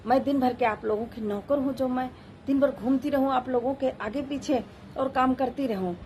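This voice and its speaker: A woman's voice: on the high side, animated, normal speed, darkish tone, slight background noise, pitched above the performer's own voice, natural voice. A woman voicing a young daughter-in-law who argues sharply with a raised voice.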